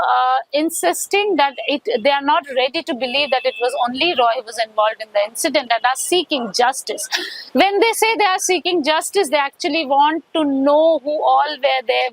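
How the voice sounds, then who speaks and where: High-pitched Indian woman reporting investigative news. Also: no echo, rough recording. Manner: halting, repeats and rephrases phrases.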